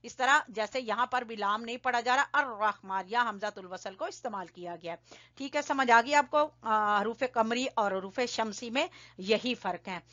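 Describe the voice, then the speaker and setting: A woman teaching Quran recitation, patiently explaining step by step, checking understanding and slowly chanting examples. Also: a little high, a bit bright. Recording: dull lo-fi audio.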